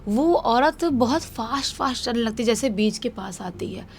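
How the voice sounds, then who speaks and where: A woman's voice: a little high, animated, moderate pace, a little hiss or hum. A woman narrating a horror story in a loose, conversational way, often repeating herself. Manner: loose, repetitive spoken retelling.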